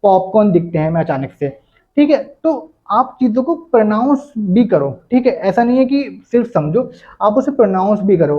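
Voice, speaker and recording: A man's voice: sits high, mellow. Young man from India, casual English tutor who keeps repeating a filler word; dull lo-fi recording. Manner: repeats a filler after nearly every phrase. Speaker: English teacher. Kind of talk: casual spoken English lesson. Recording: dull lo-fi sound.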